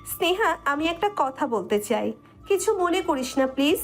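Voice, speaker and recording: A woman's voice: high voice, big pitch swings, moderate pace, faint music behind. An actress playing a frank young woman friend who teases and gives blunt advice in an audio drama. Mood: advising. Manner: blunt, teasing. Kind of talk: Bengali audio drama acting.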